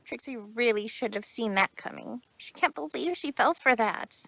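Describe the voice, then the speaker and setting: In a fan fiction read-aloud, a woman voices a proud, self-important mare, speaking with deliberate indignation. Her tone is fairly high, gravelly, bright, and forceful, and the performance is heavily acted with no room sound.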